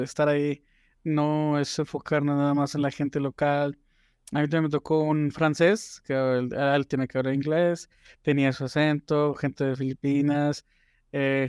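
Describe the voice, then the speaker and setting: A man's voice: fairly high pitch, a little mellow, smooth, no room sound, clean studio sound. A man hosting a casual interview, chatting with the guest and asking questions in a friendly way. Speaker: interview host.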